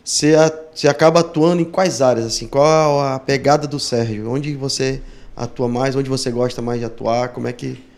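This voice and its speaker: A man's voice: mid-range voice, fairly even intonation, moderate pace, darkish tone. A man hosting a casual podcast interview, with a voice in the middle range. He talks in a friendly, chatty way and keeps tacking little questions onto the ends of his sentences. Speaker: podcast host.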